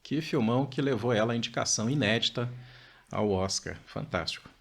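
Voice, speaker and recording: A man with a Brazilian accent co-hosting a podcast, making calm, reflective remarks. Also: mid-range voice, fairly quick, gravelly. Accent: Brazilian Portuguese. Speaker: podcast co-host. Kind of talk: casual conversational podcast chat.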